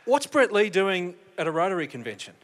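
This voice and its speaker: A man's voice: high-pitched, big pitch swings, a little fast, a bit bright. A man hosting an on-stage interview, joking and playing to the crowd. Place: convention stage.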